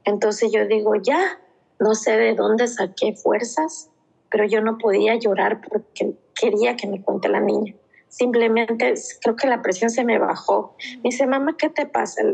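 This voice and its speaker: Gravelly, husky woman. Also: mid-range voice, moderate pace, a little mellow, poor audio. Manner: emotional, retelling events through quoted dialogue. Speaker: interview guest, mother of a child victim. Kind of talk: personal testimony in an interview.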